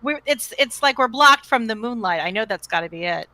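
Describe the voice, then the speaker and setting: Woman, tabletop player, playful, bright tense tone, high voice, dry sound. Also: lively intonation, a little fast, dry recording. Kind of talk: playing a tabletop game.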